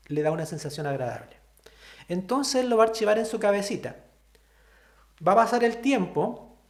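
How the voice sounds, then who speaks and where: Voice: mid-range voice, a little mellow, reverberant. A sign language teacher, patiently explaining ideas to an online class and often checking in with the listeners.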